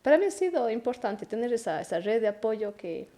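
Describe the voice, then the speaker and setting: A woman's voice: fairly high pitch, brisk. A woman in her thirties, a podcast guest, telling personal stories in casual conversation and acting out a child's lines. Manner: animated, acts out her child's voice with laughs. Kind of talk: conversational storytelling.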